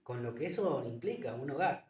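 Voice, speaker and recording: A man's voice: mid-range voice, lively intonation, moderate pace, a little mellow. Hesitant man in an echoey room. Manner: hesitant, many fillers and restarts. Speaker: interview guest. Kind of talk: casual conversational interview. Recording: echoey room, distant mic.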